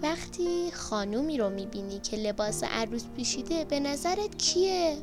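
A woman voicing a gentle, patient mother who calmly explains and praises her daughter. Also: high voice. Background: background music.

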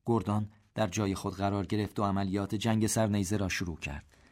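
A man narrating a story in a steady, measured reading voice. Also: on the low side.

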